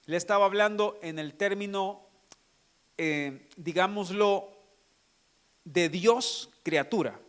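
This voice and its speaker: A man preaching to his congregation in a high, lifted voice. He reads scripture aloud and stops often to put questions to the listeners. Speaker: pastor. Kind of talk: sermon.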